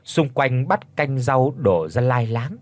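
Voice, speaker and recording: A man reading a dramatic story aloud as an audiobook narrator, expressive throughout. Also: mid-range voice, slow pace, no room sound.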